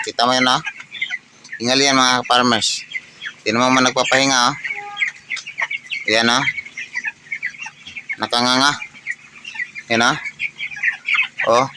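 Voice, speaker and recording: A man, walking through his poultry house and explaining in a casual, repetitive way, pointing things out with many fillers and tag questions. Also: mid-range voice. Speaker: poultry farm vlogger. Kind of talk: casual walkthrough narration. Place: chicken house on a farm. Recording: noisy farm with chickens. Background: clucking chickens.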